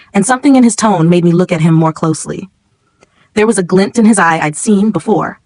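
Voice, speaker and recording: A woman's voice: mid-range voice, dry recording. Woman narrating a story, dry close mic.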